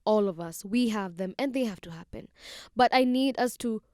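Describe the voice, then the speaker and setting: A woman's voice: mid-range voice, moderate pace, darkish tone, dry recording, studio quality. A 21-year-old woman, hosting her own podcast in a bubbly, chatty way, talking straight to her listeners. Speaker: podcast host. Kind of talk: solo podcast monologue.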